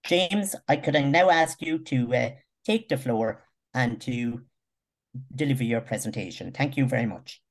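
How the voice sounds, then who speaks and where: A woman's voice: rumbling low, unhurried. A woman chairing an event, speaking formally as she makes announcements and introductions.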